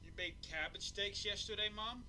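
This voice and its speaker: A man's voice: high-pitched, moderate pace, sharp tone, low-quality recording. A man hosting a casual live-streamed chat, laid-back and teasing. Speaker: host.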